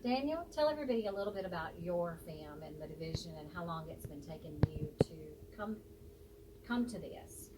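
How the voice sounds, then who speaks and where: A woman's voice: on the low side, expressive, a little fast. Chatty radio host woman, far from the mic. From American South. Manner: chatty, joking. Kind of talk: casual radio interview. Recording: distant mic, noisy.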